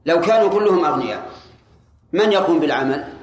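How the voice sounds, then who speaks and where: A man with a fairly high voice teaches a lesson on Quran commentary, explaining each point and then quizzing his students directly. His voice rings around an echoey room, with a faint hiss underneath. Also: lively intonation, fast talker. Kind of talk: classroom lesson explaining a text.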